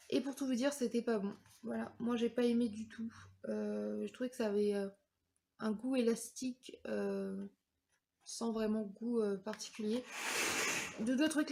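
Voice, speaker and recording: A woman's voice: a little high, darkish tone, slight background noise. A woman in her thirties from France, chatting casually through a product review vlog with many fillers and hesitations. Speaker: vlogger.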